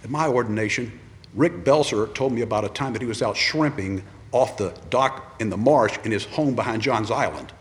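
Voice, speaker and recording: A man's voice: mid-range voice, normal speed. Male preacher, earnest ordination sermon, mid-range voice, long church reverb. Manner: earnest, repeats refrains, acts out quoted voices.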